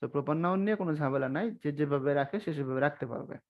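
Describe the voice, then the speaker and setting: A man's voice: fairly high pitch, fast, lo-fi sound. A young man teaching an online exam-prep lesson on spelling, chatty and teasing, often asking his students questions.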